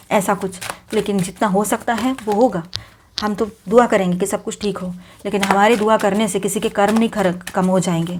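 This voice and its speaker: A woman's voice: medium pitch, darkish tone, slight background noise. A woman reading tarot cards straight to her viewers in a casual, conversational way, mixing in English words and often restarting sentences. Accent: Hindi. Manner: conversational, mixes English words into Hindi, many fillers and restarts. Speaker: tarot reader.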